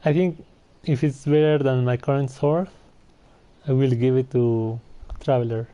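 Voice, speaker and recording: With a warm, steady, medium-pitched voice, a relaxed man takes his time commenting on a video game playthrough and reading out its dialogue. Faint game music sits behind him, and the mic sounds muffled.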